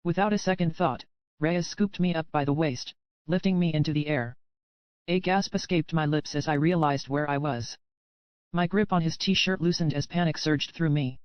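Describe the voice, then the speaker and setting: A woman narrating a romance audiobook in the first person, with even, steady storytelling in a dry, slightly muffled recording. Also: low voice, moderate pace, no echo.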